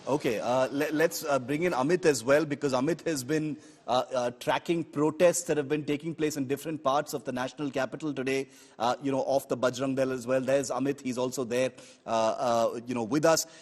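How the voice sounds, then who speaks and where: A man with an Indian accent anchoring a live investigative news exposé, talking unscripted in a halting, discursive way. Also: mid-range voice, steady tone, slightly rough.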